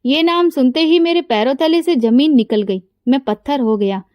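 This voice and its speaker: A woman narrating a scripted first-person story in a steady, emotional way. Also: high voice, moderate pace, dry recording, dull audio.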